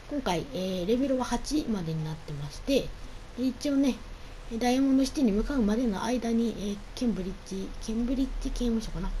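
A woman's voice: medium pitch, dark tone, slight background noise, rough recording. A woman doing casual solo game commentary as host, politely and half talking to herself. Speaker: gaming video host.

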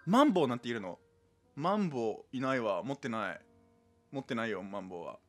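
A man chats his way through a relaxed live game stream, his voice rising and dipping a lot as he rambles to himself and his viewers. He laughs often along the way, and cheerful game music plays clearly behind him. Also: medium pitch, fast talker. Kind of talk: casual live-stream chat while playing. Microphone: desk microphone.

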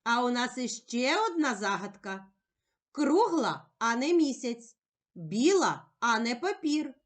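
A woman teacher giving a slow, clear reading lesson to young children, stretching out the sounds in a sing-song way. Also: fairly high pitch, big pitch swings. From Ukraine.

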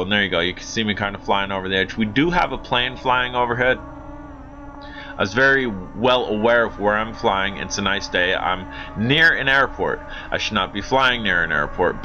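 An American man from Pennsylvania gives a casual, enthusiastic review of a drone, repeating himself for emphasis in an informal way. His medium-pitched voice sounds pushed and bright. The lo-fi audio is dull, with faint noise.

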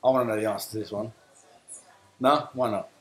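A man's voice: fairly low pitch, fairly even intonation, a little fast, reverberant, rough recording. Chatty South London man hosting. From England. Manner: chatty, reads out viewer comments. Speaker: host. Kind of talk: casual live Q&A chat.

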